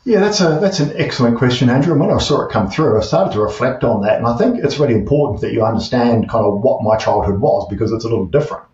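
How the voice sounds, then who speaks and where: A man's voice: medium pitch, lively intonation, fast talker, few pauses, darkish tone. A man in his fifties with a New Zealand accent, a tech CEO talking through his past as an interview guest, hesitant with many fillers and restarts. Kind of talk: casual interview chat. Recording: distant, dull, roomy remote audio.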